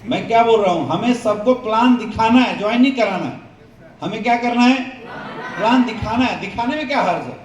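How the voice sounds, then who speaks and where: A man's voice: high voice, animated, fairly quick, dull audio, slight background noise. A man giving a sales training talk to an audience, quizzing the crowd with call-and-response questions. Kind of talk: motivational seminar talk to an audience. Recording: echoey hall, mic from a distance.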